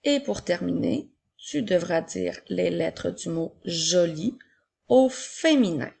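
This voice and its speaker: A woman teacher giving a slow, clear spelling and dictation lesson to young children, repeating each word. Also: on the low side, lively intonation, darkish tone.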